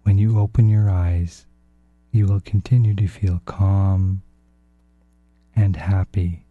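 A man narrating a guided relaxation in a soft, hushed, calm and unhurried way, as a meditation guide. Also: low-pitched. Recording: dull, roomy, echoing sound.

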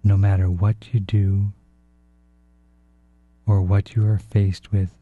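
Man, soft hushed meditation guide, low husky voice, calm soothing delivery, dull echoing recording. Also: takes it slowly. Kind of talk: slow, soothing guided relaxation narration. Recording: dull, roomy, echoing sound.

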